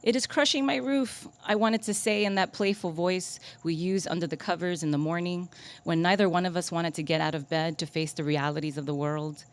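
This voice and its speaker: Lower-voiced woman reading poetry aloud. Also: little pitch movement, smooth. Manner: deliberate, measured delivery of poems, chatty and self-deprecating between them. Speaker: poet. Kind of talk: live poetry reading with casual asides. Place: coffee shop reading event.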